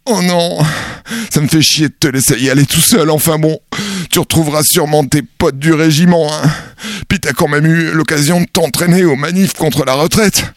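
A man's voice: on the high side, fairly even intonation, normal speed, dry recording, studio quality. A man delivering a colloquial, exasperated comedic monologue, dramatic and full of swearing.

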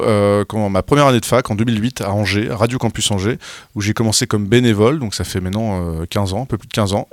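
A man's voice: on the low side, no echo, clean studio sound. A man in his thirties from western France, answering interview questions casually, with many hesitations and restarts. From France, Maine-et-Loire. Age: 30s. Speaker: radio host interviewed as guest.

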